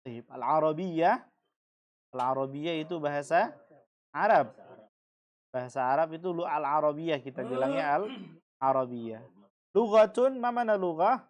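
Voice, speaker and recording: A man's voice: on the high side, animated, unhurried, long pauses, muffled recording. A man teaching a language class, repeating and explaining each word patiently. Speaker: Arabic teacher.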